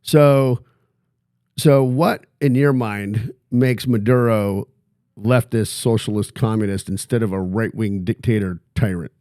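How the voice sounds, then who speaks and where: A man's voice: fairly low pitch, unhurried, warm tone, dry recording. Teasing male podcast host, dry room. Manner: joking, teasing questions. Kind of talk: casual interview.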